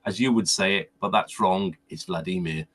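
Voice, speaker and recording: A man's voice: deep voice, moderate pace, crowd noise. A man working as a pronunciation coach, explaining things conversationally in a workshop and often restarting and repeating words as he thinks.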